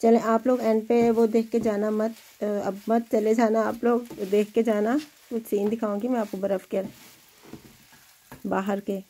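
A woman's voice: fairly high pitch, little pitch movement, unhurried, warm tone, rough recording. A woman hosting a home cooking video, chatting in an encouraging way as she cooks in her kitchen. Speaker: home cooking channel host. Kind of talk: casual cooking demonstration.

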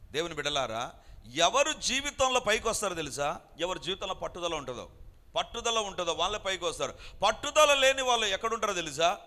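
A man's voice: high voice, pushed and bright. A man preaching a sermon, emphatic and repeating his phrases, dropping into English lines now and then. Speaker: pastor.

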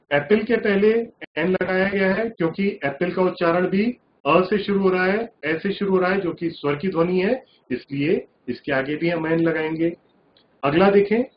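Man teaching slowly on a dull line. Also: fairly high pitch. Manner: slow, repetitive explaining with check-in questions. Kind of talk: grammar lesson to children. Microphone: video-conference link. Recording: dull lo-fi sound with faint hiss.

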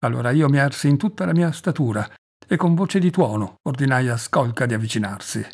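A husky male narrator from Italy reading a story aloud. His voice is slightly breathy at a middle pitch. He reads in a measured manner and slows down on the dramatic moments. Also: animated, a little mellow. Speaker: reader, narrator. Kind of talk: scripted audiobook narration.

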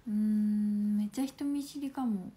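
A woman in her twenties from Fukuoka with a Hakata accent, chatting playfully on a phone livestream at home, laughing often and slipping into soft asides. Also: mid-range voice, a little slow. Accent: Hakata dialect. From Fukuoka, Japan. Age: 20s. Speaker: livestream host. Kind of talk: casual livestream chat reading viewer comments.

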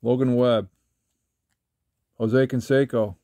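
An older man talking casually while sorting trading cards, rambling with halting restarts. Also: mid-range voice, fairly even intonation, warm tone, no echo, clean studio sound. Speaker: trading card collector. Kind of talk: casual card-flipping commentary. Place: indoors at a table.

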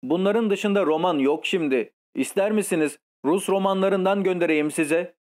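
A courteous young man humors his grandmother and hurries off. His voice is a little high and plain, as a man reads him without putting on a voice. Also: moderate pace, a little mellow, close to an everyday voice. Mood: polite.

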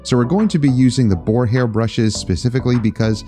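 A man's voice: medium pitch, fairly quick, mellow, faint music behind. A man in his thirties hosting a car detailing channel, explaining tools in an upbeat, demonstrating way. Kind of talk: product demo narration. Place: garage workshop.

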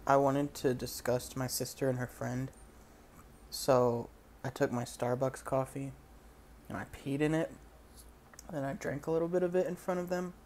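Deadpan young man reviewing food. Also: medium pitch, moderate pace, pauses often, slight background noise. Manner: dry, deadpan, crude humor. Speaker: comedy vlogger. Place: small indoor laundromat by a window. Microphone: phone camera held close.

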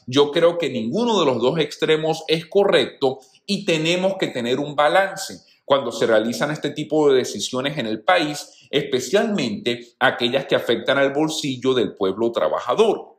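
A man's voice: medium pitch, lively intonation, moderate pace, hardly any pauses. A man hosting a news channel, giving opinionated commentary in voice-over and addressing viewers as friends. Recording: roomy echo.

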